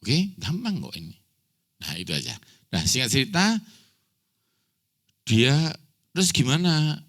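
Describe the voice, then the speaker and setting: A man's voice: mid-range voice, wildly swooping pitch, unhurried, fairly bright tone, slightly rough. A man preaching a sermon as pastor, telling a personal story with acted dialogue, close to tears.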